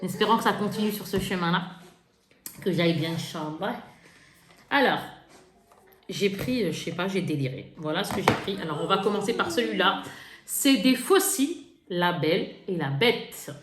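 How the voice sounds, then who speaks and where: Showing off a makeup haul, a beauty vlogger speaks at a normal speed in a lowish voice. She keeps it casual and lively, laughing often and teasing herself, in a faintly noisy, echoey room.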